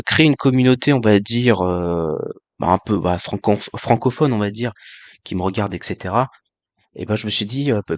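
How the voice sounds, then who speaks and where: Male streamer, casual and halting, friendly and joking, mid-pitched, dry sound. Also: no room sound. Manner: hesitant, many fillers and restarts. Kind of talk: casual live-stream talk.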